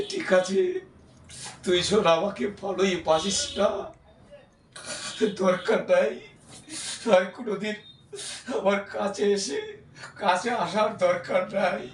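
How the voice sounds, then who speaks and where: Hammy, high-pitched heartbroken stage lover. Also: male voice, slight background noise. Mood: bitter heartbreak. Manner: hammy, drawn-out melodramatic delivery. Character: heartbroken, reproachful spurned lover, pleading and wounded. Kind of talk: stage folk-theatre (jatra) dialogue acting. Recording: roomy echo, distant from the mic.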